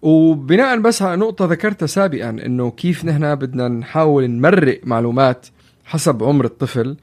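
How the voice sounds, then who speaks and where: A man's voice: a little high, animated, darkish tone. A man with a Levantine Arabic accent hosting a casual discussion, repeating and restarting phrases and mixing in English. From lives in Canada. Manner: mixes in English phrases, repetitive halting phrasing. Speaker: podcast host.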